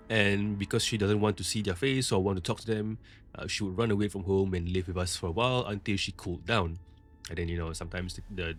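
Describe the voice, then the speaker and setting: A male podcast host retelling a listener's ghost story in a casual, conversational way, with frequent asides. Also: sits low.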